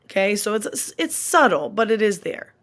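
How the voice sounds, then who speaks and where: A woman gives a recorded online lesson as a teacher, at an ordinary medium pitch. She explains patiently and says each example word slowly and clearly. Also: sing-song, a bit bright. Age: adult. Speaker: Spanish teacher.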